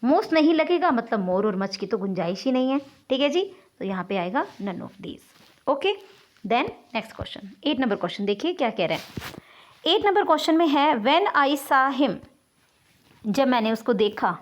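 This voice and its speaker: A woman's voice: high-pitched, lively intonation, measured pace. A woman teaching an English grammar lesson online, explaining patiently step by step and checking in often with her students.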